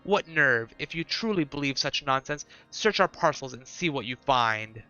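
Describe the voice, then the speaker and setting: A man's voice: medium pitch, lively intonation, moderate pace, sharp tone, smooth, highs cut off, faint music behind. A man reading aloud the lines of an offended, formal male porter from a video game. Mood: indignant. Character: indignant male porter accused of smuggling.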